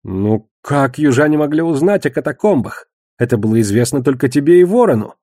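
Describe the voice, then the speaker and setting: A man's voice: mid-range voice, animated, fairly quick, mellow, no room sound, clean studio sound, pitched above the performer's own voice, natural voice. A man reading an audiobook, voicing a worried young tavern keeper who talks raised and urgent. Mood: tense.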